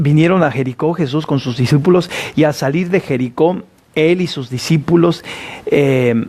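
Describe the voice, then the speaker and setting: A pastor preaching a sermon at a church service, reading scripture aloud with fervent conviction. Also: male voice, a little high, a little mellow.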